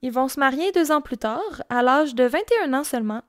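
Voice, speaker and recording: A woman's voice: high-pitched, expressive, fairly quick, no echo, studio quality. A woman with a Québécois accent, hosting a true-crime podcast and telling the story in a casual, chatty way, with many fillers. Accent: Québécois French.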